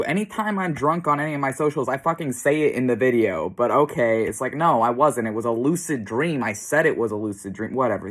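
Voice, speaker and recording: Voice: medium pitch, fairly bright tone. Blunt, profane ranting vlogger. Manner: frequent short laughs. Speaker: self-described demonologist vlogger. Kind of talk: casual rant to camera.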